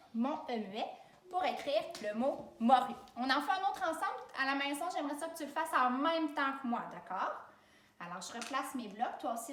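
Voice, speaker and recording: A woman's voice: sits high, distant mic, slight background noise. A woman with a Québécois French accent teaching children to spell, patient and step by step, speaking straight to the child. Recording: roomy sound from away from the mic.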